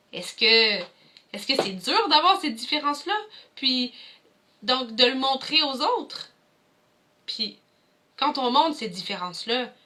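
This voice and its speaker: A woman's voice: a little high, pushed and bright. A young woman with a Quebec French accent, leading kids through a movement activity from home as a cultural mediator, encouraging and addressing viewers directly. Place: home, indoors.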